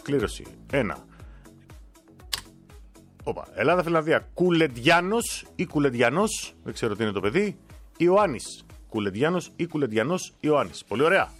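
Guy running a giveaway draw on stream, lively up-and-down voice, chatty and jokey, faint music behind. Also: medium pitch, pauses often. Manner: chatty, joking asides, reads names aloud. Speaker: host drawing giveaway winners. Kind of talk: casual live-stream chat.

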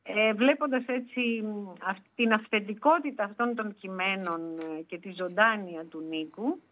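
A woman, an author guest in a radio interview, speaking hesitantly with many fillers. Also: mid-range voice. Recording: tinny phone line.

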